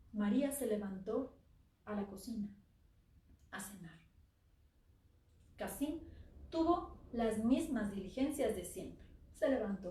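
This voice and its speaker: A woman storyteller tells a dark tale slowly, sinking at times to a hush. Her voice sits a little high and echoes through a theater from some way off the mic. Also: distant mic. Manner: slow, dramatic, dropping to near-whispers. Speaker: oral storyteller. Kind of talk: dramatic live story narration. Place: theater stage.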